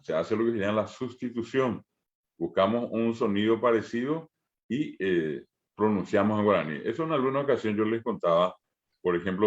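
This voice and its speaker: A low-pitched man with a Paraguayan Spanish accent leads an online language class over a muffled, lo-fi video call. He explains step by step, repeating example words slowly and pausing on frequent "eh" hesitations. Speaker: language teacher.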